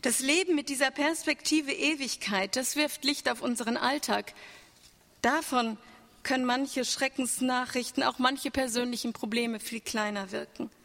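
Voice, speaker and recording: Higher-voiced woman preaching in a reverberant church. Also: moderate pace, vocal fry, fairly bright tone. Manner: earnest, with rhetorical questions to the congregation. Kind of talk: Easter sermon.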